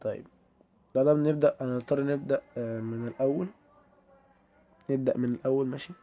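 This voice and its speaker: Speaking fast in a mellow, medium-pitched voice with a steady tone, this young man streams a horror game. His Egyptian Arabic accent comes through as he talks chattily to his audience and gets startled without much provocation.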